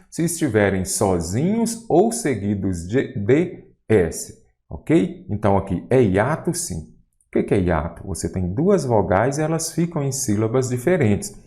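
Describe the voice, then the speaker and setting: Guy teaching grammar, lowish voice that swings all over, keeps asking the viewer questions. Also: measured pace. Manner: lively, quizzes the viewer with rhetorical questions. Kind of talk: exam-prep lesson.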